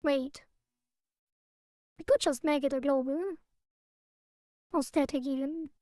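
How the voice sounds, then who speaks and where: A woman with a high, mellow voice livestreams her game coding. She thinks aloud in loose half-sentences and talks at an unhurried pace. The sound is close and dry. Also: dry recording. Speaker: game developer streaming. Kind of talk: casual livestream while coding.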